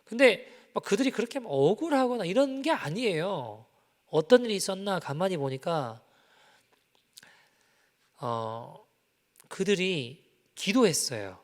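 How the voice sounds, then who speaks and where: A male pastor preaching a sermon, telling a story and acting out its dialogue, moving between soft and loud passages. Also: high-pitched, a little slow, pauses often. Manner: animated, acts out quoted dialogue, swings from soft to loud. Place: church sanctuary. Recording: long church-hall reverb.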